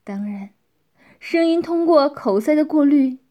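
A woman narrating a story, often dropping into soft, half-whispered passages. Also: high voice, lively intonation, unhurried.

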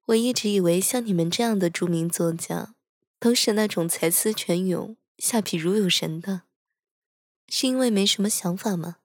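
A woman playing a soft-spoken teasing hotel attendant. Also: medium pitch, no echo, clean studio sound, close to an everyday voice. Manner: gentle, teasing, slows and hushes for eerie moments. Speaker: hotel staff member telling a ghost story to a horror writer. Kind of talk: role-play audio drama with soft storytelling. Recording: soft background music.

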